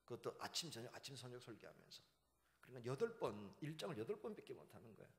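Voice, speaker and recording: A man preaching a revival sermon as pastor, telling stories with lively, acted-out voices. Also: medium pitch, fast talker, vocal fry. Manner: animated storytelling, acting out shouting teachers. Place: church sanctuary. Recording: church hall reverb.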